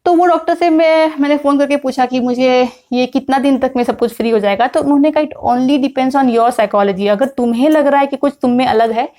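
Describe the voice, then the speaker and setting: A woman's voice: high-pitched, fairly even intonation, quick pace, few pauses, mellow. A young woman from India chatting to camera in a casual vlog, mixing English words into her talk with frequent fillers. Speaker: vlogger.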